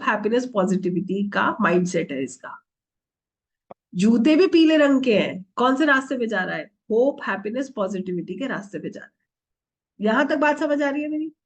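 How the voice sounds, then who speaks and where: A middle-aged woman teaching an online tarot workshop, asking the class questions and answering them herself, with English words mixed into her Hindi. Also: high-pitched. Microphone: video call.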